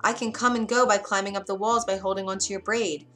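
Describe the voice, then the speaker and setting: Woman reading as a gentle young storybook prince. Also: mid-range voice, steady tone, quick pace, faint music behind, close to an everyday voice. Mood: hopeful. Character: kind, reassuring young prince.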